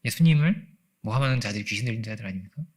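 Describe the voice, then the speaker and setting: A man's voice: lowish voice, animated, very fast. A man pastor preaching a conversational Sunday sermon in a church, asking his listeners rhetorical questions and acting out quoted voices. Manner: acts out quoted voices, laughs often. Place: church sanctuary.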